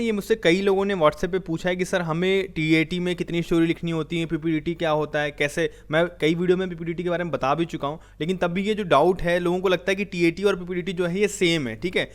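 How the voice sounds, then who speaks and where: A man from India coaching viewers for an exam, talking through slides in Hindi mixed with English. He explains step by step and ends many lines with "theek hai". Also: a little high.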